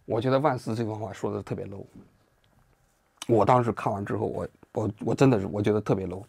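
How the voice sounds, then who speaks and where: A man's voice: on the low side, fast talker, vocal fry, breathy edge, no room sound. A man hosting his own political commentary show, talking casually and asking many rhetorical questions. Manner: animated, full of rhetorical questions.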